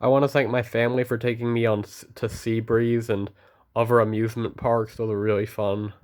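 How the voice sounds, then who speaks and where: A man's voice: mid-range voice, level tone, fairly quick, smooth. A teenage boy vlogging alone in a casual monologue, earnest and rambling as he thanks people and apologizes. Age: teens. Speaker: student vlogger.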